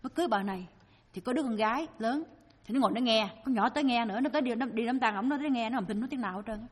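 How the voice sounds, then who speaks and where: Husky Southern Vietnamese woman telling stories. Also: on the high side, very fast, in a large hall. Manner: lively storyteller, acting out the people she quotes. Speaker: Buddhist dharma speaker. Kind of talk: storytelling dharma talk.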